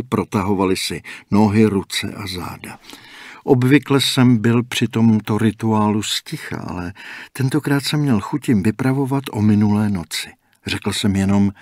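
A man narrating an audiobook story in the first person with steady, even storytelling. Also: lowish voice, no room sound, studio quality.

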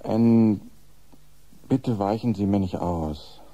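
An actor playing a flirtatious, sarcastic, rebellious patient with a husky voice in a German horror radio play. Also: male voice, fairly low pitch, slow, dark tone, muffled recording. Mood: coaxing, insistent. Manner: insistent, cheeky.

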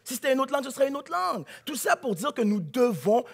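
A man delivers a sermon, his voice pitched high with a husky edge. He moves from hushed, near-whispered lines to loud, shouted passages, in the manner of dramatic church preaching. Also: sing-song, fast talker. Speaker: pastor.

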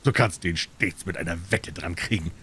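A shrewd detective speaks calmly and kindly in a low, hushed voice, as a male audiobook reader plays him. He sounds measured and sure of himself throughout. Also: slight background noise. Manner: calm, friendly, measured.

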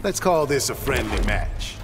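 An actor playing a gruff, taunting cyborg superhero in a video game, talking in a colloquial way. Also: male voice, medium pitch, expressive, a little slow, over loud music, close to an everyday voice.

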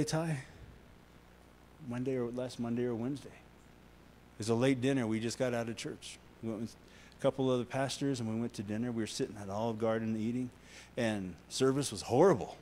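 A man preaching a sermon as a guest pastor, rising to loud emphatic lines and dropping to soft, hushed ones while he tells a story. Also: mid-range voice, fairly even intonation, moderate pace, pauses often, a little hiss or hum. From United States. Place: church sanctuary.

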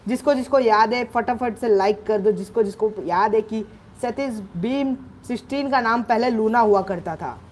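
A man hosting a gaming channel, giving live gameplay commentary on his own microphone, excitedly shouting orders at his teammates. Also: high-pitched, normal speed, few pauses, slight background noise.

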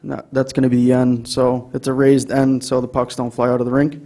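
A man's voice: mid-range voice, completely flat delivery, fairly quick, mellow. A man with an Upper Midwest American accent presenting an item to a city council, with many ums and restarts. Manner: hesitant, many fillers. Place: council chamber.

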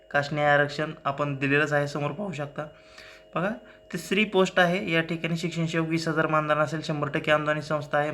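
A man's voice: fairly high pitch, bright, forceful tone. A man hosting a job-news channel, plainly explaining teacher job advertisements point by point and often telling viewers to look. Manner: plain explanatory, repeating "see" and "at this place".

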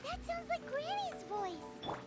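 A woman voicing a tiny, excitable, childlike fairy companion in a video game, cheeky, naive and curious. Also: takes it slowly, over loud music, heavily acted. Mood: startled, curious. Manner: squeaky, exclaiming, naive. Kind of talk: video game character acting.

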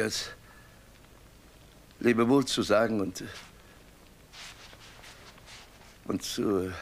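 An actor dubbing a lonely middle-aged man back from an asylum, speaking in a halting, imploring way in a 1930s film drama. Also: medium pitch, vocal fry, husky, heavily acted. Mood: resigned.

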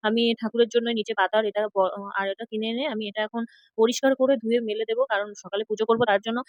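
Young woman, mother vlogger, rapid chatty talk, dry close sound. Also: on the high side, fairly even intonation, dry recording, lo-fi sound. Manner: chatty, talks straight to viewers. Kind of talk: casual home vlog narration. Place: rented home, indoors.

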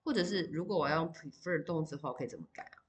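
Low-voiced woman teaching English vocabulary. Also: animated. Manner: explains in Mandarin, reads English examples slowly; addresses students directly with fillers like 好 and 哦. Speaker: high school English teacher. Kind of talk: recorded vocabulary lesson.

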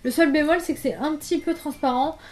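A woman's voice: sits high, fairly quick. A young woman chatting casually through a clothing try-on haul, gushing and chatty with many fillers. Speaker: fashion vlogger.

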